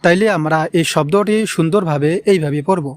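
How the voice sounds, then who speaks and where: On the high side and fairly quick, this man's voice comes through in a dry, studio-quality recording. He is a Quran recitation teacher guiding learners through slow, careful pronunciation of an Arabic prayer, patiently repeating words and extending the long vowels.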